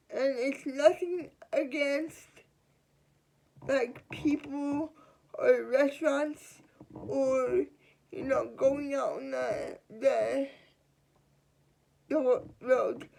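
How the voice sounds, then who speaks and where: Slow, gravelly-voiced young woman confiding. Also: high voice, steady tone, darkish tone, poor audio. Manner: halting and earnest, with frequent restarts and trailing pauses. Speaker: vlogger. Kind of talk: personal confessional storytime vlog.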